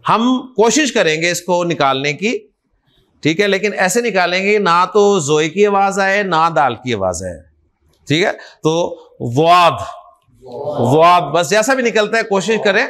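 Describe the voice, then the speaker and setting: A man's voice: high-pitched, animated, normal speed, a bit bright. A man teaching Arabic letters in an online class, drilling each sound with patient, frequent checks.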